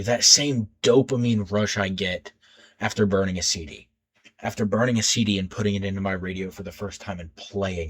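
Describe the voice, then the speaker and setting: A teenage man talking in an unscripted casual vlog, rambling and stuttering as he restarts his sentences. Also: fairly low pitch. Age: late teens. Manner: stutters when nervous, rambling with many restarts. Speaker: YouTube creator.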